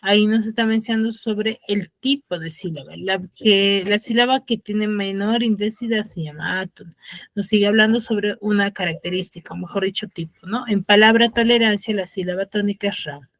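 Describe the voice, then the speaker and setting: Teacher reading aloud on a dry video call. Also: female voice, medium pitch, fairly even intonation, normal speed, dry recording. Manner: reads passages aloud then explains them; calls on students by name. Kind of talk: online class teaching. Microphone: computer or phone on a video call.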